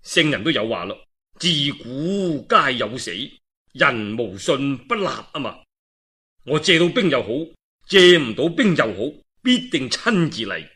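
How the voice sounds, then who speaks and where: A man with a Cantonese accent voicing Liu Bei's part as an earnest, righteous warlord in a storybook tale, measured, formal and sincere. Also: mid-range voice, sing-song, sharp tone, slightly rough, full character voice. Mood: firm, resolute. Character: earnest, righteous warlord, humble but firm.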